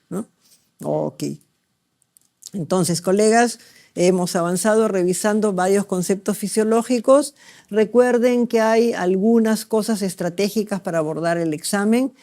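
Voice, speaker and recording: Male medical lecturer, mellow tone, explanatory, asks students to confirm. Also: high voice. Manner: explanatory, asks rhetorical checks, acts out patients. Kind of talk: exam review lecture.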